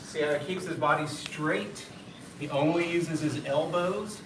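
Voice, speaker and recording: A man's voice: a little high, a little slow. Man barking drill counts in echoey hall. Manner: barks counts and commands, then explains calmly. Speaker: martial arts instructor. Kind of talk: leading a children's fitness drill. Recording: echoey hall, distant mic, loud noise.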